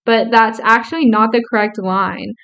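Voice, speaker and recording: A woman's voice: a little high, steady tone, moderate pace, vocal fry, fairly bright tone, muffled recording. A young woman co-hosting a podcast, earnestly explaining psychology concepts with a touch of dry sarcasm. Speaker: podcast co-host.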